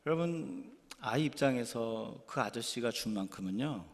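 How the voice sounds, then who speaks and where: A male pastor preaching a sermon through stories, animated and candid, dropping to quiet asides and then rising into loud, emphatic bursts. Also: medium pitch, moderate pace, vocal fry, in a large hall. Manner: candid, self-deprecating confession. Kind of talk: storytelling sermon.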